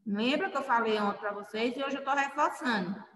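A woman's voice: on the high side, a little fast, a bit bright. A woman teacher patiently explaining a spelling lesson to children, spelling out letters one by one. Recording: echoey room, mic far off.

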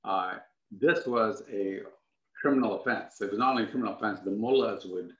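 A middle-aged man with a lowish voice recounts his family's past, earnest and full of restarts. He talks over a video call from a home room that sounds echoey. The sound is a little muffled. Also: a little fast. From Ghana. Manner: earnest, many restarts and asides. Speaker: guest. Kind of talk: conversational storytelling. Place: home room with wooden furniture.

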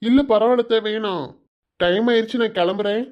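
A man voicing a gentle young groom-to-be. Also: high voice, fairly quick, highs cut off, close to an everyday voice. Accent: southern Tamil Nadu Tamil. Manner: gentle, polite, teasing. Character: polite, teasing young groom-to-be.

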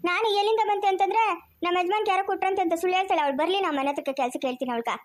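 Brief: bossy scolding housewife, very high and fast, a woman plays her. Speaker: actor in a village family skit.

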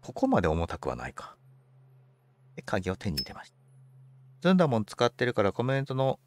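A man's voice: on the low side, huge pitch swings, a little fast. A man commentating on a game for a livestream, politely musing aloud to himself in casual chat. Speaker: game streamer.

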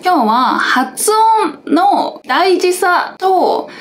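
A woman's voice: extremely high pitch, very slow, slight background noise. A woman who runs an English school, talking casually to camera about learning and acting out little reactions as she goes. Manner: animated, chatty, acts out small quoted reactions. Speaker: English school owner and teacher.

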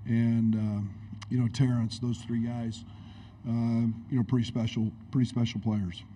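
A middle-aged man, a head basketball coach, answering questions at a postgame press conference in a halting, reflective way, speaking into a table microphone indoors. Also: medium pitch, flat delivery, mellow, husky. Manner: halting, reflective, many restarts. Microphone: table microphone on stand.

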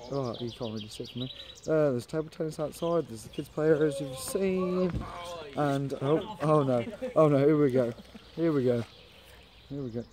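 A young man from Britain talking casually in a rambling travel vlog, filmed on a phone at arm's length outdoors at a campsite. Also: a little high. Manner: chatty, rambling with many ums. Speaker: vlogger.

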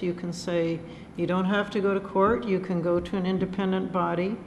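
A woman's voice: lowish voice, darkish tone, slight background noise. Firm woman journalist on a panel. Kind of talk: panel discussion answer. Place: large lecture hall. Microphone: table microphone. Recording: echoey hall.

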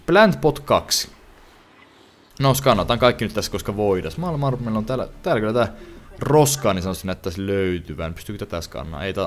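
A young man hosts a casual gaming session, narrating each find as it happens. His voice sits fairly low, but his pitch jumps around a lot. He rambles and often restarts his sentences midway. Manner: lively, rambling, thinks aloud with frequent restarts. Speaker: gaming channel host. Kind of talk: let's play commentary.

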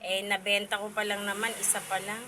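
A woman's voice: medium pitch, completely flat delivery, fast talker. A woman vlogging casually at home about her cats, chatty and cooing baby talk at the kittens.

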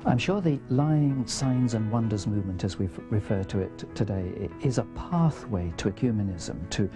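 A man giving commentary in halting, restarting speech. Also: on the low side, lively intonation, music in the background.

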